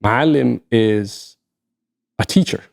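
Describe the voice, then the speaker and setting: Speaking slowly with a creaky, medium-pitched voice, an Egyptian man co-hosts a podcast. Arabic is his first language, and in this reflective, casual conversation he restates his points to stress them.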